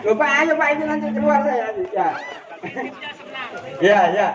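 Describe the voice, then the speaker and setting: Facilitator, man, high voice, jokey, barking game commands, heard from a distance in a big echoey space. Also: expressive, a little slow, crowd noise. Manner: shouted commands, joking and teasing. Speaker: outbound training facilitator. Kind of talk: leading group games outdoors. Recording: distant, roomy, muffled.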